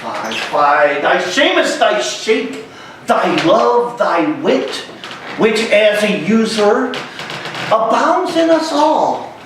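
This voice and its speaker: A man acts out a stern, exasperated friar in a Shakespearean stage play. The voice swoops high and declaims emphatically, in slow, deliberate phrases. It rings around a very echoey hall, picked up from a distance. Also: very animated, full character voice. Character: stern exasperated male friar scolding a despairing young man. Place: large hall, live stage. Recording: echoey hall, distant mic, faint noise.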